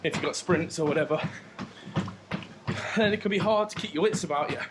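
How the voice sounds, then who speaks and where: Vlogging from his home treadmill, a man talks casually to camera in a brisk, somewhat high voice. The background clearly carries the treadmill's noise along with clicks.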